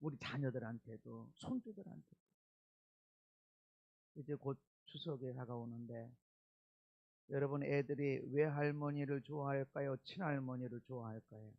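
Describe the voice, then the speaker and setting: A man's voice: medium pitch, moderate pace, creaky, long pauses, no room sound, dull audio. A male pastor preaching a Sunday sermon in a church, emphatic and repeating his key words. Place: church sanctuary.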